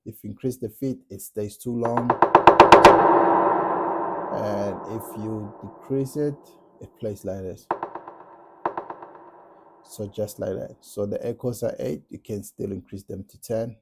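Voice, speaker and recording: A man from South Africa with a South African accent, calmly walking through how he builds a track, step by step, in a casual tutorial. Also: fairly low pitch, slow pace, pauses often. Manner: relaxed step-by-step explaining. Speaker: music producer tutorial host. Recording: music playing in the background.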